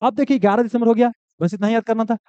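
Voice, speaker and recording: Male coaching teacher, high and animated, drills answers by repeating them, dry, dull recording. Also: very fast, clear, resonant tone, no room sound. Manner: lively, repeats key answers, asks and answers own questions. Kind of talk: classroom lecture.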